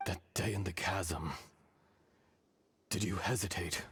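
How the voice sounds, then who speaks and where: An actor voicing an ancient, weary and noble earth dragon spirit in a video game, solemn and grandly poetic. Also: male voice, low-pitched, steady tone, slow pace, a bit bright, slightly rough, full character voice. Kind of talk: scripted video game acting. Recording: game audio with music behind.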